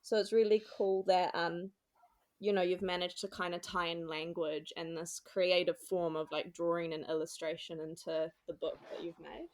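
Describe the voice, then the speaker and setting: A woman speaks as a podcast host in a casual, conversational way. Her pitch is a little low and her phrasing is informal and colloquial. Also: level tone, normal speed.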